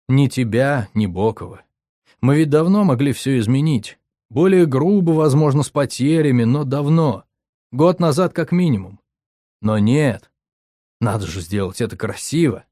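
A male narrator voicing a calm young man who argues in a measured, sardonic way. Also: mid-range voice, no echo, clean studio sound, voice pushed up, close to an everyday voice. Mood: calm reasoning.

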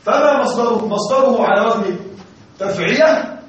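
A man teaching Arabic grammar in a classroom lecture, constantly quizzing his students and pausing for their answers. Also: very high voice, animated. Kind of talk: classroom lecture with call-and-response questions. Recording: distant, echoey, dull lo-fi with faint hiss.

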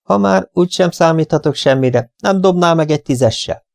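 Flippant young guy in an audiobook, light and offhand, man reading him a bit high, gravelly. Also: darkish tone, no room sound, clean studio sound.

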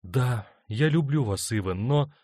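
A man's voice: mid-range voice, animated, measured pace, darkish tone, dry recording, clean studio sound, pitched above the performer's own voice. A man voicing a young married woman torn between two loves, speaking in an emotional, hesitant, pleading way. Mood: torn, tender.

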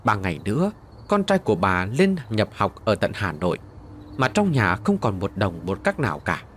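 A male storyteller giving a dramatic, expressive scripted narration of a village tale. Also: fairly low pitch, slight background noise.

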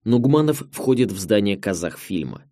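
The narrator of this memoir audiobook is a man with a fairly low voice, delivering the tale expressively and at a measured pace. It's a close studio recording free of room sound.

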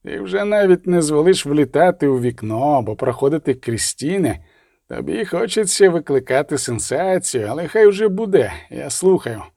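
A man's voice: on the high side, very animated, moderate pace, vocal fry, mellow, no room sound, studio quality, full character voice. A man voicing an irritable, imperious bishop in an audiobook. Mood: irritated. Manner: imperious, snappish. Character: irritable arrogant male bishop.

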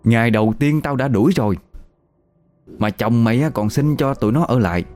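A man's voice: mid-range voice, fairly quick, darkish tone, faint music behind, natural voice. A man voicing a scornful old male ghost who scolds bluntly. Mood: scolding.

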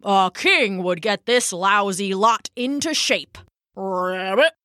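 A woman's voice: mid-range voice, animated, sharp tone, no echo, studio quality. A woman doing a bellowing old bullfrog. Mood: grumbling, bossy. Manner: slow bellowing, bossy. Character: grumpy old male bullfrog wanting a king.

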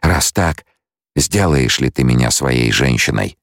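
A man voicing an anguished, imperious young noblewoman with visions, in an audiobook; she speaks in a sharp, pleading, breathless way. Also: very deep voice, lively intonation, measured pace, no room sound, clean studio sound. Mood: bitter. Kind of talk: audiobook character voice.

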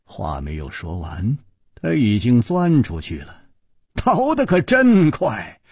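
一位男性说书人，生动地演播武侠小说。. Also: male voice, mid-range voice, slow pace, breathy edge, no room sound, clean studio sound. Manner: expressive, vivid, lively. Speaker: storyteller. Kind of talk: Chinese novel storytelling narration.

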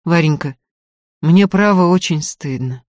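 An impulsive young man, a student, gallant and earnest, quick to flare up and quick to apologise, as a reader puts him on. Read close and dry, in the even register of a storyteller. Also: medium pitch, no echo, close to an everyday voice. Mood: sheepish. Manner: earnest, ardent, stammering apologies. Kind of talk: audiobook character voice.

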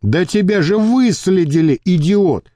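A man reading an audiobook, voicing a furious, hulking thug who shouts insults. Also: on the high side, animated, a little slow, dry recording, studio quality. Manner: roaring, abusive.

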